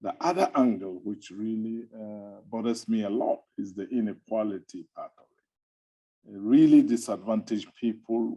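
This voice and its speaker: A middle-aged man, an academic researcher, speaking on a webinar panel in an animated, conversational way with playful asides. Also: mid-range voice, slightly rough, poor audio. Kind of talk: webinar talk.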